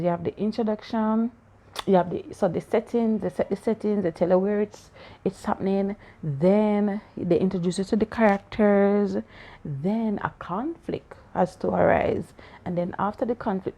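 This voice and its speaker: An aunt talks over a story with a child once it's been read, asking questions, laughing often and playfully disputing what the child says. Her mid-range voice has a dark tone, and the audio is dull.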